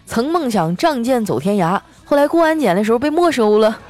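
Playful older brother who teases with a grin, lively delivery, voiced by a woman. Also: a little high, a little fast, pitched above the performer's own voice, natural voice. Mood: teasing. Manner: joking, mocking.

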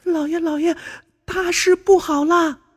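A man's voice: extremely high pitch, fairly even intonation, a little slow, pitched above the performer's own voice. A male storyteller voicing a terrified young maidservant who stutters and repeats her words in a children's story. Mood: frightened, stammering.

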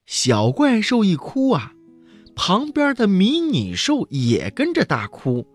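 Animated man reading a picture book. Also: high-pitched, slow, soft background music. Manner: animated, expressive storytelling with exclamations. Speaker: children's storyteller.

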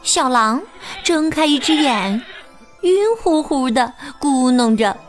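A woman teacher reading a children's picture book aloud, expressive and sing-song with plenty of exclamations. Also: high voice, slow pace, faint music behind. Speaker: storyteller teacher.

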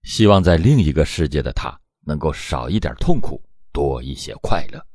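A man's voice: a bass voice, big pitch swings, normal speed, a little mellow, no room sound, studio quality. A man hosting a true crime storytelling show, narrating a court case from a script with dramatic emphasis at the start of phrases.

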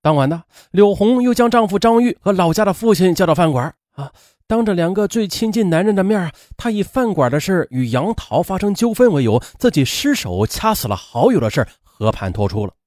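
A man narrating a true-crime story dramatically, in a colloquial manner with drawn-out particles. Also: dry recording, clean studio sound. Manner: animated, acts out women's lines in a high strained voice.

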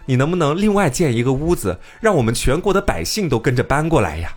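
A plaintive young princess from an old folk tale, as a male storyteller puts her on. Her voice sits higher than his own and swings widely as she pleads. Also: sing-song, fast talker, soft background music. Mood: pleading. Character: weeping young woman, bee princess, pleading.

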